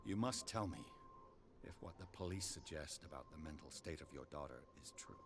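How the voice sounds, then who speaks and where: A man's voice: a bass voice, lively intonation, fairly quick. An actor playing a wry, weary male private investigator who talks in a dry, clipped, sardonic way. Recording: noisy game audio.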